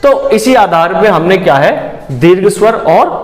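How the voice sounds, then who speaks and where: A man with a high voice and lively intonation teaches an exam-prep Hindi grammar lesson at an unhurried pace. He repeats questions, answers them himself, and checks understanding often. The room is echoey with long reverb and faint background noise.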